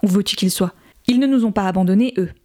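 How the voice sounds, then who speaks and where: A woman's voice: medium pitch, fast talker, a little mellow, lightly acted. A woman reading the lines of a coarse, menacing middle-aged father who speaks with blunt contempt and false friendliness. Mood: mocking.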